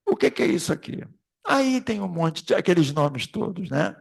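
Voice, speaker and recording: A man's voice: sits high, very animated, moderate pace, creaky. A man leading an informal spiritist study class, rambling through anecdotes and speaking straight to the group. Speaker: class facilitator.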